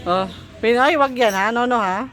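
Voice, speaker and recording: High-voiced woman coaxing a toddler. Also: normal speed, a bit bright, a little hiss or hum. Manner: coaxing, repeating short commands. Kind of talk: sing-song baby talk mixing Tagalog and English. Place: outdoors. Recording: music playing over the audio. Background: background music, roosters crowing.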